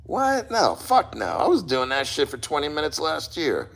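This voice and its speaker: Man, sharp bright delivery, immersed in ice cold water. Off-the-cuff vlog host, blunt and sweary. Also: a little high, huge pitch swings, normal speed, creaky. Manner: blunt, profane, rambling. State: sitting neck-deep in ice cold water. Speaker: crypto podcast host. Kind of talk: casual talk to camera.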